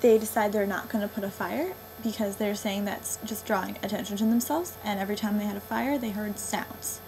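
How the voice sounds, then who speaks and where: A woman's voice: medium pitch, fairly even intonation, brisk, creaky, darkish tone, a little hiss or hum, rough recording. A young woman vlogging a casual movie review, sarcastic and exasperated, filling her talk with 'um' and 'like'.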